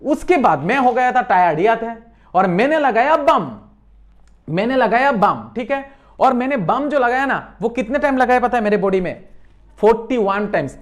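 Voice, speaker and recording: A man teaching a lesson on memory tricks. He repeats each point and keeps asking his listeners whether it is clear. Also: high voice. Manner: repeats points and checks understanding.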